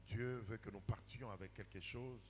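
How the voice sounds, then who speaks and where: A man preaching a sermon in French with a Congolese accent, line by line for an interpreter, calling out in bursts and then teaching in calmer phrases. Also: on the low side, normal speed, a little hiss or hum. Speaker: pastor.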